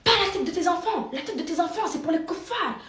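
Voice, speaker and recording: A woman's voice: animated, fast, fairly bright tone. A woman voicing an angry, confrontational woman of about thirty who hurls accusing questions. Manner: shrill accusing repeated questions. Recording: roomy echo.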